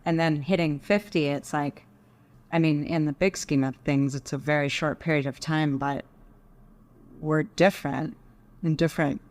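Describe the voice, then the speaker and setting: Low-voiced thoughtful woman guest. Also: fairly even intonation. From Texas, USA. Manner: thoughtful, measured. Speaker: podcast guest, architect. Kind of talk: reflective interview talk.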